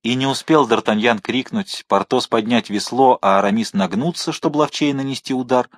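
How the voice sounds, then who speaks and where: A man narrating an adventure novel in an expressive, dramatic reading style. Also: mid-range voice, normal speed, no echo, studio quality. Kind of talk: audiobook narration.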